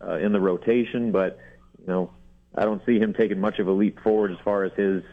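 Male sports reporter calling in, low-ish voice, relaxed with lots of fillers; tinny phone-line sound. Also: brisk. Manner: relaxed, frequent fillers and restarts. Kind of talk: casual radio chat. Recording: phone-line call-in audio.

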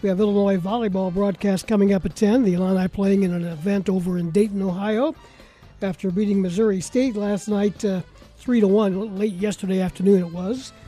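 A man hosting a sports radio talk show, with a loud, compressed broadcast delivery, briskly rattling off schedules and scores like an announcer from a studio microphone. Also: sits high, fairly even intonation, soft background music, poor audio. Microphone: close studio microphone.

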